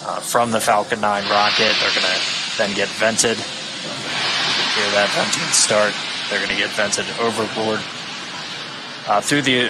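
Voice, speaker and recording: A man doing live launch commentary, explaining technical callouts as a broadcast host. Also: on the low side. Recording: clear background noise.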